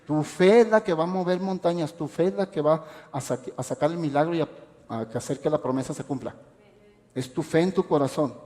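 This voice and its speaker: A man's voice: a little high, a little fast, a little mellow. A man, preaching a radio sermon as pastor with passionate rhetorical questions. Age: adult parent. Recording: echoey hall reverb.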